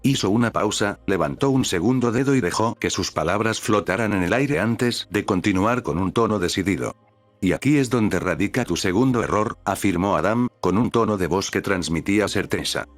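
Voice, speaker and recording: A man reading fan fiction as narrator, in an even, descriptive way. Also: on the low side, normal speed, few pauses, dry recording.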